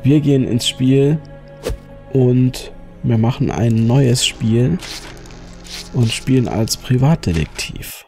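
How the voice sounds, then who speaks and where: A man in his thirties hosts a casual Let's Play. His voice is mellow and relaxed, and his delivery is slow. Music plays faintly behind him. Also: mid-range voice. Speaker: gaming video host.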